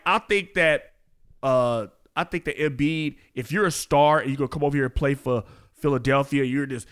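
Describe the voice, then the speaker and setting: A man co-hosting a casual sports chat, loud, profane and animated, breaking into shouts. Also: on the high side, clear, resonant tone. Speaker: podcast co-host.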